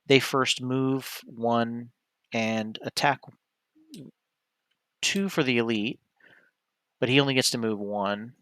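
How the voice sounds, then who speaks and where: In a dry recording, a man with a mid-range, creaky voice and sharp tone talks through his solo board game stream. It's casual play-by-play, reasoning out loud, and he frequently corrects himself while deciding on moves.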